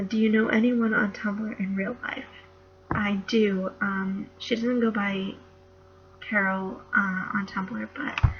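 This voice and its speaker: Young woman, slight Northeastern US accent, gravelly and hesitant, casual home recording on a dull lo-fi computer mic. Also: medium pitch, slight background noise. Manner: hesitant, with many fillers. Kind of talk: casual home audio post and storybook reading.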